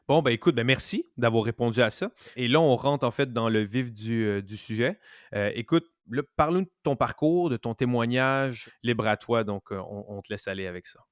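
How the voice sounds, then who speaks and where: A man hosting a faith podcast, talking in a relaxed, reflective way with many casual fillers. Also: medium pitch, moderate pace, no echo, clean studio sound. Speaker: podcast host. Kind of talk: casual interview chat.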